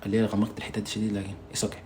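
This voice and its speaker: Fast-talking Sudanese man ranting. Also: fairly low pitch, monotone, darkish tone, reverberant. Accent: Sudanese Arabic. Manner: rambling, mocking, insulting, with frequent "you understand?". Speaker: singer vlogging while doing makeup. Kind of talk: casual ranting monologue to viewers.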